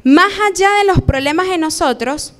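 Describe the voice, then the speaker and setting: A young Venezuelan woman preaching a live sermon in a church, lively and acting out the voices she quotes. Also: very high-pitched, normal speed.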